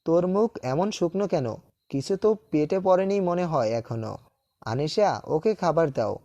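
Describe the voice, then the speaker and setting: An actor playing a caring young best friend in a Bengali audio drama, pressing with urgent questions. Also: male voice, on the high side, lively intonation, measured pace, mellow, highs cut off. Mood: worried.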